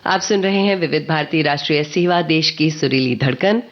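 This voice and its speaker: A woman's voice: deep voice, moderate pace, over loud music. A woman presenting a radio interview, polished and formal, with frequent affirming interjections. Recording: dull lo-fi radio studio sound.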